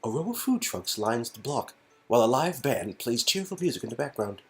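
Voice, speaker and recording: A man co-reads a visual novel game aloud, keeping the read-aloud casual and playful. His medium-pitched voice is sing-song and brisk. He jokes around and tosses in goofy improvised asides.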